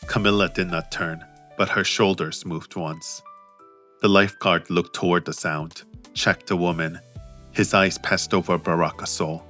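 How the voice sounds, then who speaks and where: Steady and measured, his crisp low voice carries the audiobook narration, while quiet music plays softly beneath.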